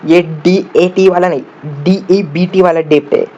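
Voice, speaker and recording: A man explains shorthand step by step, asking the viewer questions and answering them himself, sometimes spelling words out slowly. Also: high voice, steady tone, warm tone. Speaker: shorthand teacher. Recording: dull lo-fi audio with faint room noise.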